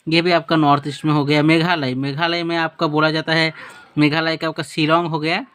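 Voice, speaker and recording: A man's voice: fairly high pitch, flat delivery, a little fast, a bit bright, clean tone. A male teacher giving a spoken lesson with a map. He asks questions and answers them himself, repeats words, and corrects his own slips as he goes.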